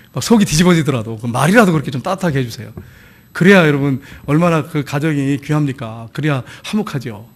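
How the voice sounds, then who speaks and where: A middle-aged man preaching a sermon as pastor, acting out the voices of church members he tells about. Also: on the high side. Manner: lively preaching, acts out quoted church members.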